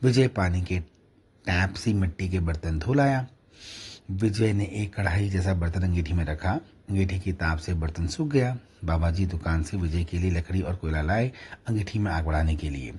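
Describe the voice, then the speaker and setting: Storyteller: deep-voiced man, very husky, steady narration. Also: moderate pace.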